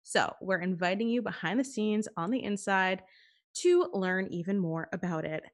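A woman co-hosting a casual podcast, explaining a course path step by step. Her voice sits at a middling pitch, and her tone is upbeat, with the occasional "um". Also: lively intonation, moderate pace. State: short of breath. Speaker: course co-host.

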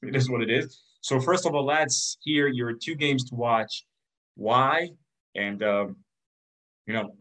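A man's voice: medium pitch, a little slow, long pauses, fairly bright tone, rough recording. A man hosting a basketball podcast, chatting casually and joking as he runs through lists of teams. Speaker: podcast host. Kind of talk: casual sports chat.

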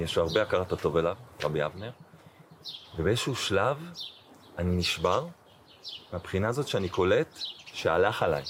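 A middle-aged man, a rabbi, telling his personal story in an interview, acting out dialogue with lots of fillers. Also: sits low. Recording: noticeable background noise.

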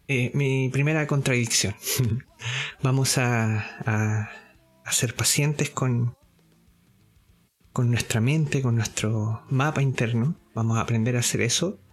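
A man giving a spoken lesson, explaining step by step, often pausing on fillers, repeating himself and checking that listeners follow. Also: mid-range voice, fairly even intonation, soft background music. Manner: deliberate, explaining step by step with frequent checks for understanding; hesitant fillers and self-repeats. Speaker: course teacher.

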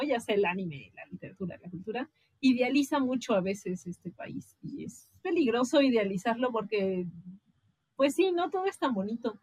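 A woman with a Mexican accent chatting casually as a podcast guest, animated and acting out quoted voices. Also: fairly high pitch, breathy edge, dry recording.

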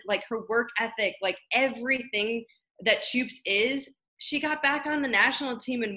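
Woman guest on a casual chat, bright and forceful tone, gushing with excited praise, loose "like" fillers. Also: on the high side, rough recording. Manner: enthusiastic, effusive praise with frequent "like" fillers. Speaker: former teammate and guest. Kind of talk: casual podcast conversation.

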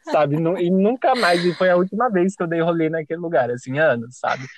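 High-voiced Brazilian man telling stories. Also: brisk, no echo. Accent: Brazilian Portuguese. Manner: lively, profane, self-mocking. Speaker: podcast host. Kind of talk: casual storytelling.

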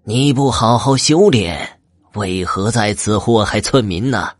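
A man playing a stern old beggar who subdues spirits, speaking slowly and gruffly. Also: lowish voice, expressive, no room sound.

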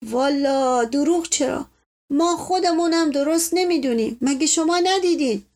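A woman's voice: sits high, fairly bright tone, pitched above the performer's own voice. A woman voicing a groaning old servant man. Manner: moaning, self-pitying, rustic speech.

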